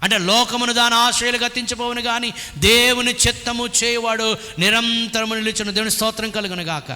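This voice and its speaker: A man with a high, very bright and ringing voice preaches a sermon. He fires rhetorical questions at his congregation and slips into half-sung hymn lines. His voice carries a long church-hall reverb. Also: steady tone, moderate pace. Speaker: pastor.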